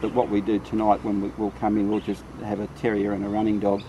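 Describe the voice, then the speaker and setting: This fast-talking man speaks in a low-side monotone. As a rabbit control trapper and trainer, he walks people through the job with a plain, practical field explanation outdoors on rural land, with clear rural background noise audible.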